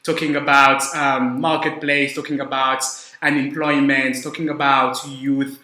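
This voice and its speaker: A man's voice: medium pitch, flat delivery, measured pace, bright, forceful tone. A young man hosting a business podcast, speaking with many fillers and repeated words. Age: young adult. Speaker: podcast host. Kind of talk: podcast interview. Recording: echoey room.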